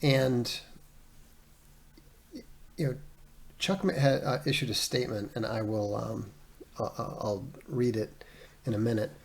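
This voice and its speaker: A male livestream host talks at a casual, rambling pace, stopping often on fillers and restarting his sentences. His voice has a gravelly, creaky edge with a husky, slightly rough texture. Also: medium pitch, measured pace, pauses often. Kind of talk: casual solo livestream talk.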